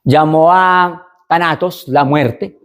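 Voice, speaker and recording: A middle-aged man tells an ancient myth as part of a talk. His voice sits a little high, and he speaks loosely, with restarts and side remarks to the listeners. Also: takes it slowly. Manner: retells a myth casually with asides and restarts. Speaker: speaker on mental health and leadership. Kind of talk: storytelling lecture.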